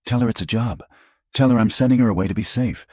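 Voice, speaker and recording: A man's voice: mid-range voice, quick pace, darkish tone, dry recording, clean studio sound, voice pushed up, close to an everyday voice. A man voicing a drunken, broke father in a western audiobook, slurred and whining. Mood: mumbling.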